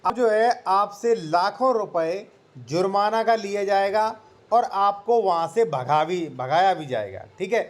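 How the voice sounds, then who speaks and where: A man hosting a legal advice channel, explaining a court order in a conversational way, reading figures from the document and often pausing to check in with listeners. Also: high voice, expressive. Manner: conversational, repeats "theek hai" to check in with listeners; explains slowly, reads figures from a document and restates them. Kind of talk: casual explainer to camera.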